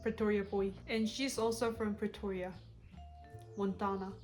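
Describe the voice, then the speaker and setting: A woman's voice: medium pitch, level tone, moderate pace, a little mellow, soft background music. A young adult woman from South Korea with a Korean accent, chatting bluntly in a couple's Q&A video. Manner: chatty, blunt, laughs often. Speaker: co-host of a couple channel. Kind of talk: casual Q&A chat.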